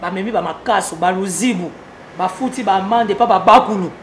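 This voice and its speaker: A man with a Congolese accent and a high-pitched voice speaks briskly as a political analyst being interviewed. He drives his points home emphatically, repeating phrases, over faint ambient noise.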